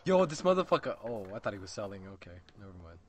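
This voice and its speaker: A man's voice: fairly low pitch, big pitch swings, very fast. A man in casual voice chat while gaming, trading playful, slangy banter. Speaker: gamer.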